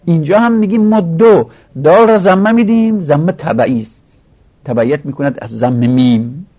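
A man's voice: on the high side, dark tone. A man teaching an Arabic grammar lesson, explaining step by step and repeating each rule.

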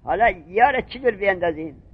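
A man's voice: sits high, lively intonation, slightly rough. A man teaching a seminary grammar class, who drills his students with questions and repeats each point. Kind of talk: classroom lecture on Arabic grammar. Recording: muffled lo-fi lecture recording.

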